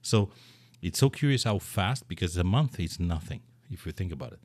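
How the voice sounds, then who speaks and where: A man's voice: sits low, animated, moderate pace, a little mellow, slight background noise. A man whose first language is Portuguese, hosting a podcast in casual, rambling chat full of repeats. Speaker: podcast host.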